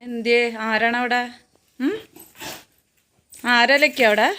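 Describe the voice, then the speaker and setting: A woman with a Malayali accent chats to her pet dogs in a high, bright voice. She coaxes and scolds them in singsong baby talk, and dogs can be heard now and then around her. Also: steady tone, slow, smooth. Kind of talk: casual chat to pets.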